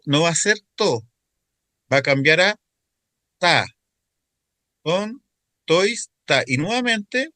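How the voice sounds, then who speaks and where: Guy teaching greek, bright tense voice, slightly high, dry sound. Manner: patient, repeats forms for students to echo. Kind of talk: classroom lecture.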